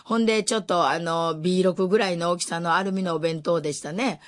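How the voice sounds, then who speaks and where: A woman in her sixties with a Kansai accent, gently telling a personal memory with wry asides. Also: on the low side, steady tone, quick pace. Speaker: storyteller. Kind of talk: spoken personal memoir.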